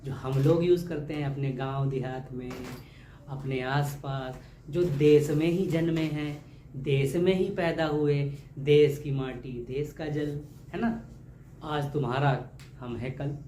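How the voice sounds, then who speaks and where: A man teaches grammar for an exam, his voice sitting a little high. He keeps firing questions and repeating the answers with a playful, homely touch. The recording echoes around the room over a faint ambient hum. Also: steady tone, measured pace, dark tone. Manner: joking, homely teacher talk. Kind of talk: exam-prep grammar lesson.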